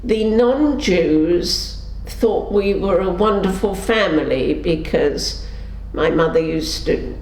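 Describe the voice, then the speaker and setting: Slow and animated, with few pauses and a darkish tone, an older woman recounts her memories in an oral history interview. She brings the people in her tales to life, acting out quotes through pitch shifts. The recording has a roomy sound and faint background noise.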